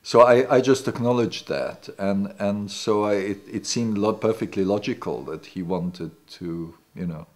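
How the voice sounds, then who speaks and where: Here the recollecting man, in his sixties and a non-native English speaker, talks unhurriedly with few pauses in a lowish voice. He sits in a living room for the interview, miked off-camera, and keeps hesitating and starting over as he looks back.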